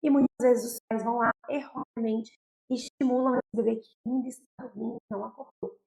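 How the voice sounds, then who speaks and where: A woman's voice: a little high, fairly even intonation, a little fast, creaky, darkish tone, poor audio. A young Brazilian woman pediatrician explaining baby care to parents in a direct, explanatory way, often checking in with "tá?" and "né?". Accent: Brazilian Portuguese. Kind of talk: educational talk to parents.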